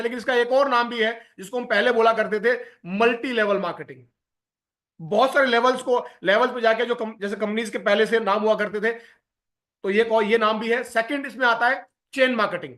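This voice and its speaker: A man presenting a business seminar, explaining terms step by step with frequent filler pauses and English phrases mixed in. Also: very high voice, fairly bright tone.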